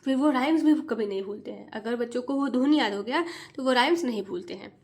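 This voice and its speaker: A woman with a slightly high voice hosts a teaching video for parents, speaking as a mother and tutor. She explains each step patiently and spells words out letter by letter in a slow, sing-song rhythm. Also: creaky, a little mellow. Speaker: mother and tutor, channel host.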